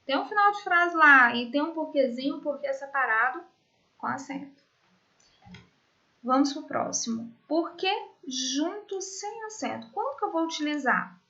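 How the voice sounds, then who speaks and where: A woman's voice: sits high, lively intonation, unhurried, pushed and bright, lo-fi sound. A woman teaching a grammar lesson online, explaining step by step and often checking understanding with short questions. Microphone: computer mic in a virtual classroom.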